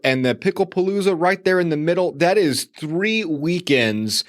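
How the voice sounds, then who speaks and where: Man, slightly high voice, upbeat, rapid event rundown, casual podcast guest. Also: expressive. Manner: upbeat, rattles off event listings quickly. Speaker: city tourism manager, guest.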